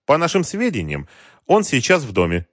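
A man voicing a stern male senior investigator who speaks formally and in measured tones. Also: medium pitch, huge pitch swings, a bit bright, no echo, studio quality, voice pushed up.

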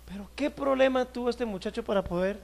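A male pastor delivering an emphatic sermon, drawing out key words and moving between loud and hushed delivery. His voice is unusually high for a man and deeply gravelly. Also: brisk.

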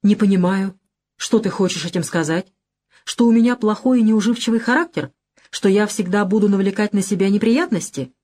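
A woman's voice: medium pitch, fairly quick, warm tone, lightly acted. A woman reading an audiobook, voicing an earnest young man who speaks firmly and seriously. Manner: earnest, firm.

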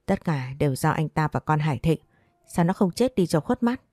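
A woman's voice: deep voice, lively intonation, a little fast, darkish tone, dry recording, clean studio sound, soft background music. A woman reading the lines of a spoiled, resentful young woman in an audio story. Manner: sulky, resentful.

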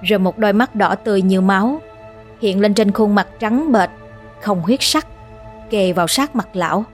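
A woman telling a horror story in a steady, dramatic storytelling manner. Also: medium pitch. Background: faint music.

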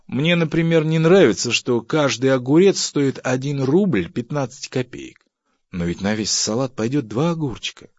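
A man voicing a stingy, pompous middle-aged husband who lectures about thrift and turns shrill when provoked. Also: sing-song, brisk, no room sound. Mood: stingy lecturing. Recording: dull, dry audiobook recording.

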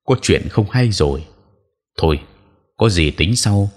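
A man voicing a stern old male exorcist who gives formal commands in a low voice. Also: animated, a little slow. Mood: urgent.

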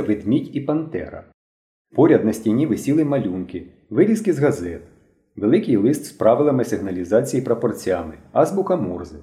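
Guy reading an audiobook, lively up and down voice, mellow, echoey room. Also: medium pitch. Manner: expressive storytelling. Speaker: narrator. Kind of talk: audiobook narration. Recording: roomy echo.

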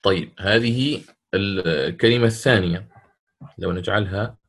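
A man whose voice sits low with a bit of brightness teaches a Quran recitation lesson. He asks his students questions and slowly chants verses as examples.

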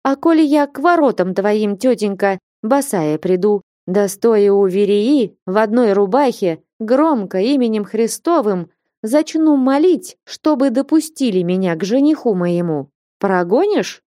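Young merchant's daughter, tearful but defiant; a woman reads her in a warm, mellow storybook voice. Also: medium pitch, expressive, no echo, studio quality, voice pushed up, lightly acted. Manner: pleading, then firm and measured.

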